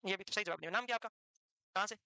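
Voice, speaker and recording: A quick-talking man with an unusually high, bright voice lectures a live nursing class. He teases his students and pushes them with rapid questions. The sound is close and dry, with little room echo. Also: gravelly, clear, resonant tone. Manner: teasing, fires questions at students.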